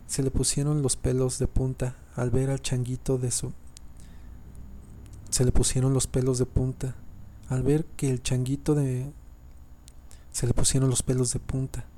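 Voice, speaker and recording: A man's voice: mid-range voice, dark tone. A man narrating a horror story, often stumbling and restarting whole sentences. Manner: reads haltingly, often restarting and repeating sentences.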